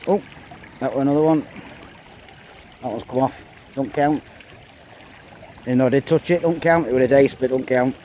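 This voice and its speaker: A mellow, relaxed Englishman vlogs his fishing trip for the camera while wading at a windy river's edge, counting catches as they come. He talks a little fast yet leaves long pauses, his pitch medium, with faint wind and water hiss in the background.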